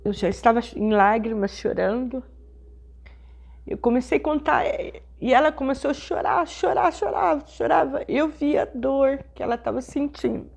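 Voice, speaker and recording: A middle-aged woman pastor, telling a personal testimony in a sermon with slow, emotional storytelling. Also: high voice, vocal fry, darkish tone.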